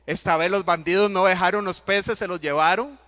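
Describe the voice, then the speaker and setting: A man preaching a sermon as pastor, emphatic and dramatic, swinging between loud and soft. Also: sits high, fairly even intonation, moderate pace.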